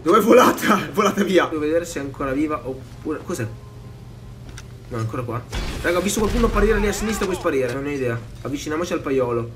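Excitable high-voiced male game commentator. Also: fast talker, background noise. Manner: excitable, swears a lot, panicky yelling at enemies; talks to viewers as "raga". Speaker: gameplay commentator. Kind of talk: let's-play game commentary.

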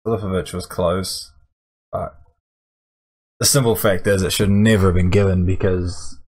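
A man's voice: sits low, steady tone, moderate pace, darkish tone, slightly rough, poor audio. A man, giving casual, dryly grumbling commentary while playing a game. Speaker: gaming video host. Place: small room at home, indoors.

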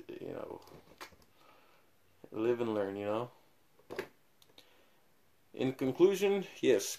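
A man's voice: on the low side, warm tone, a little hiss or hum. Young man rambling through a card unboxing. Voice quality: level drops in and out as he moves. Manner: rambling, thinks aloud while opening packs. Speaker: card collector reviewing a product. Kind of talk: casual unboxing review. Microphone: camera mic, filming at an awkward angle.

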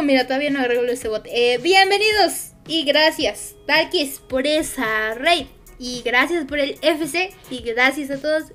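A young woman, a streamer chatting casually with her viewers and answering chat, with lots of fillers. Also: sits high. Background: faint music.

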